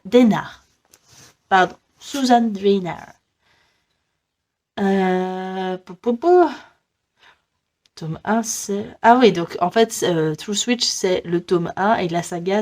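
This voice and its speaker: A woman's voice: mid-range voice, a little mellow. A young woman with a French accent chatting casually about books on her wishlist, with lots of fillers and small laughs. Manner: chatty, many fillers and giggles, reads blurbs aloud. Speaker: book vlogger. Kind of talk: casual book wishlist vlog.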